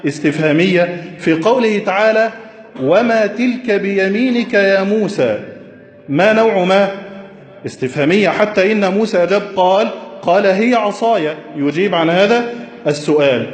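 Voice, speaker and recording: A man teaching Arabic grammar at a whiteboard, slow and deliberate, quizzing his listeners with questions. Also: high-pitched. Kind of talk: classroom lesson at a whiteboard. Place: classroom with a whiteboard. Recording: echoey, reverberant room.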